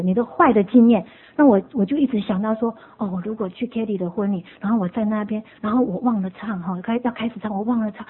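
A woman's voice: fairly high pitch, slightly rough. A woman giving an earnest, emotional personal testimony in church, mixing stories with laughter. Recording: tinny phone-like sound.

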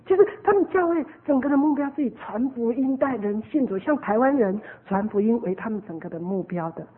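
A woman giving an earnest, animated sermon testimony as a preacher. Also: on the high side, brisk. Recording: narrow phone-like lo-fi recording.

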